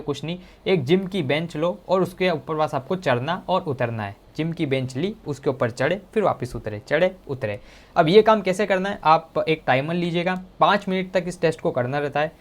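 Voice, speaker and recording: A male teacher with a slightly high voice explains exam answers step by step. He talks casually and directly to his students, often calling them "bhai sahab". His is full of English technical terms. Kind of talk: exam-prep lesson.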